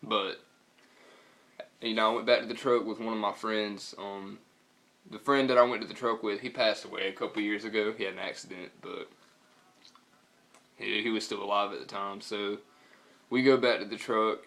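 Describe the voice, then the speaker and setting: A man's voice: fairly low pitch, fairly even intonation, moderate pace, long pauses, fairly bright tone. A young man with a Southern US accent telling a story casually in a slangy, profane, rambling way. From North Carolina, US.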